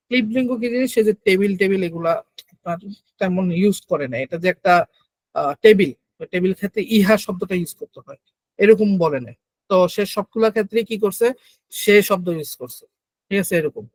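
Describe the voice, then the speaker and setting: Young male tutor, high-pitched, dry close mic, patient step-by-step lecture delivery. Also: dry recording, poor audio. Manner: explains step by step, keeps checking in. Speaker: teacher. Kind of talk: exam-prep lecture.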